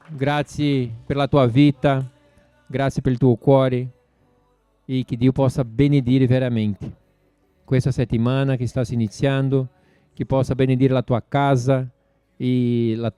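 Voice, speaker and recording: A pastor praying aloud at a church service, slow and fervent, calling on the Lord after nearly every phrase, with soft music behind him. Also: male voice, medium pitch, steady tone, clean tone, dry recording. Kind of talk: spoken prayer in a church service.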